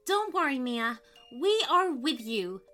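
Tiny storybook fairy friend done by a woman, excitable, loyal, exclaiming, very high, bright. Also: slow, soft background music, full character voice. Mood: reassuring. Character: small female fairy companion, excitable and loyal.

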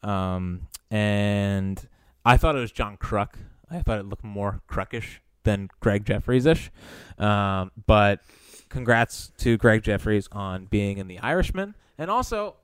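A man's voice: fairly low pitch, animated, unhurried, clear, resonant tone, dry recording. A man chatting casually as a sports talk podcast host, with a teasing, needling way of talking.

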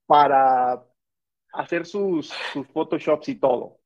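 A man's voice: on the high side, slow, a little mellow, highs cut off. A man who serves as an army sergeant, explaining at length in a conversational interview, earnest and full of restarts and hesitations.

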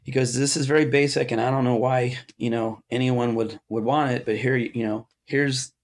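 A man's voice: mid-range voice, fairly even intonation, normal speed. Guy rambling thru a story in an interview, lots of restarts, average voice. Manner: rambling, with many restarts and asides. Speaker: interview guest, amp builder.

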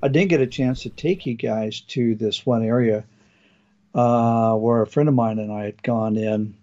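A man hosting a casual podcast chat asks questions and interjects often in a conversational way, though he's losing his voice and keeps clearing his throat. His mid-range voice is warm and steady, at a measured pace, and the recording sounds dull and lo-fi.

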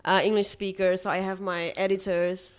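A woman's voice: mid-range voice, level tone, moderate pace. Woman. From Germany. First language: German. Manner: earnest, slightly non-native phrasing, laughs easily. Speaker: travel blogger guest. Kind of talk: casual interview chat.

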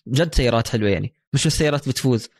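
Man, extremely rapid speech, dry close sound, brisk co-host. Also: mid-range voice, husky, no room sound. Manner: brisk interjections, keeps the show on track. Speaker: podcast co-host. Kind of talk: casual sports chat.

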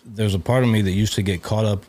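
Man, deep low voice, reflective, casual podcast chat, comedy guest. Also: fairly even intonation, quick pace, a little mellow, slightly rough. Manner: reflective, searching for words.

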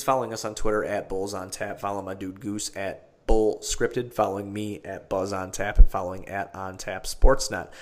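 A man hosting a sports podcast in casual, rambling, profane chat, tired after drinking, recorded in a bathroom with heavy echo. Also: lowish voice. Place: small tiled bathroom.

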